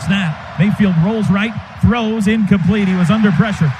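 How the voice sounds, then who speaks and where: Over a noisy background, a high-sitting American male voice delivers live radio play-by-play of a football game at a moderate pace, in clipped phrases punctuated by excited calls.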